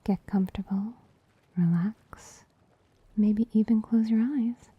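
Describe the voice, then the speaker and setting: A breathy, almost voiceless whisper from a woman as a soft-pawed bunny spa attendant, unhurried and teasing. The sound is dry and close, with a slightly dull, muffled top end, as in an intimate ASMR recording. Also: mid-range voice, no echo. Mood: soothing. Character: gentle soothing female bunny spa attendant. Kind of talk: ASMR roleplay. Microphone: close mic.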